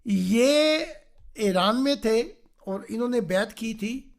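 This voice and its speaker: A male preacher telling a religious story on a video call, animated, who keeps asking his listeners whether they understand. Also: very high-pitched. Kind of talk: storytelling sermon. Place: online meeting.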